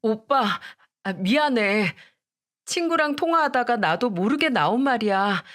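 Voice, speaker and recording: A woman's voice: fairly high pitch, expressive, measured pace, a bit bright. A woman voicing a young fiancée who pleads in a whiny, wheedling way in a storybook drama. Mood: pleading.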